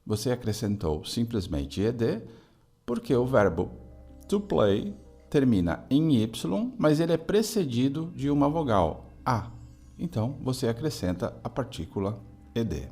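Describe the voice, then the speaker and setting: A man from Brazil teaching an English lesson in a video, explaining grammar step by step and saying example sentences slowly. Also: medium pitch, very animated, mellow, soft background music.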